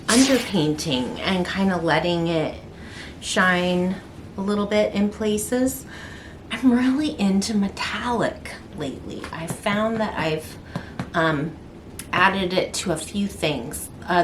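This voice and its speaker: A woman's voice: medium pitch, a little hiss or hum. A middle-aged woman artist chatting casually to the camera in her studio, rambling with lots of ums and restarts. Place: indoor art studio.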